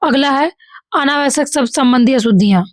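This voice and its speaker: A woman's voice: sits high, brisk, dry recording. Bihari hindi lady teacher going thru grammar examples, keeps saying theek hai, dry sound. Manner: reads examples then corrects them, says "ठीक है" often. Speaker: exam-prep teacher. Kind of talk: hindi grammar lesson walkthrough.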